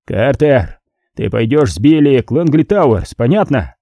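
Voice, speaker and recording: A man's voice: mid-range voice, sing-song, unhurried, mellow, no echo. A man voicing a panicked, short-tempered male gang boss who snaps out orders. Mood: harsh. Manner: barking, snapping orders.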